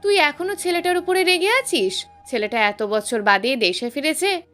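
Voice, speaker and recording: A woman's voice: high voice, expressive, moderate pace, fairly bright tone, faint music behind, voice pushed up. A woman voicing a teasing, coaxing middle-aged mother.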